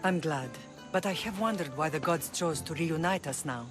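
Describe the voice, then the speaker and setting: In a video game cutscene with music behind her, an actress voices an island leader: a middle-aged mother who rules the island with composure and command. Her voice sits low, her pace is normal, and her delivery sounds natural.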